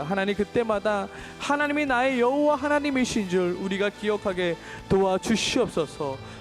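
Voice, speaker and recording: High-voiced man praying fervently. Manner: fervent, repetitive prayer. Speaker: pastor. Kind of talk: leading a prayer meeting.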